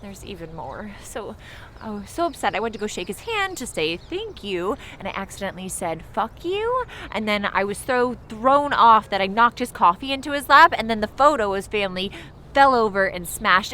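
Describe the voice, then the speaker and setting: A woman's voice: on the high side, sing-song, a little fast, bright, forceful tone. Woman playing a frazzled young woman rambling on, exasperated, faint hiss behind. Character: flustered young woman recounting a disastrous meeting.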